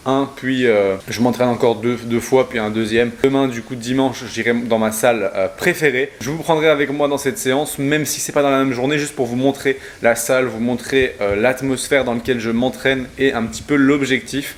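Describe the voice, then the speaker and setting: A man's voice: mid-range voice, steady tone, a little fast, hardly any pauses. A young man, a fitness coach talking casually to camera in a vlog, explaining as he goes with hesitations and self-corrections. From Belgium. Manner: chatty, explanatory, frequent "euh" fillers and self-corrections.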